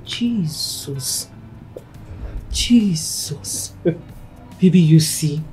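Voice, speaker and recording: A Nigerian actress playing a wife in a Nollywood film, talking expressively and calling on God. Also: female voice, sits low, lively intonation, extremely slow, mellow, soft background music, exaggerated voice. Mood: cheerful.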